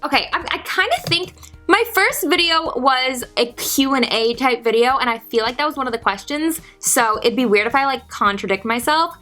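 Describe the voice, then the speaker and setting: Bright, bubbly young woman vlogger. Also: high-pitched, animated, normal speed, soft background music. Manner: bubbly, chatty, lots of "like". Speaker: YouTuber. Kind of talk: casual Q&A vlog.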